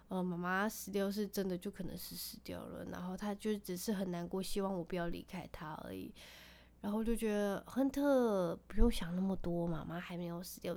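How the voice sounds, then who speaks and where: A woman in her thirties with a mid-range, slightly mellow voice hosts a podcast, chatting casually and tenderly about family life and laughing often.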